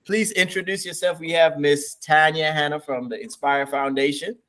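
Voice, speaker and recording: A man hosting an online interview on a video call, measured and encouraging, often repeating his words. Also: on the high side, steady tone, bright, forceful tone. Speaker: host.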